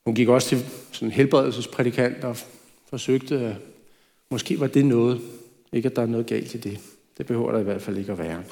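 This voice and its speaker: A man's voice: medium pitch, steady tone, darkish tone. A man preaching a sermon in a church, talking in a conversational way with light asides. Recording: reverberant church hall.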